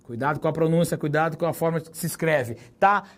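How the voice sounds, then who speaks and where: Joking teacher. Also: male voice, fairly high pitch, a bit bright. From Brazil. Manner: chatty, joking, spells words out slowly and stresses them. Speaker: Portuguese teacher. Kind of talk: recorded exam-prep lesson.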